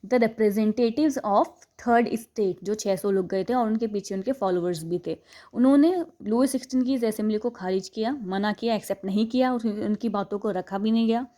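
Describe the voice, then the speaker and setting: A young woman teaching a history class, reading English lines slowly and then explaining them in a Hindi-English mix, often checking in and correcting herself. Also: mid-range voice, warm tone. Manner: self-correcting, stops to fix pronunciation.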